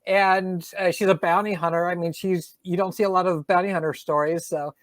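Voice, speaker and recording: A woman's voice: on the low side, fairly even intonation, brisk, no room sound. A middle-aged woman from Georgia with a faint Southern accent, an author chatting in an interview, thoughtful, with many fillers and restarts. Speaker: author guest. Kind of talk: casual interview chat.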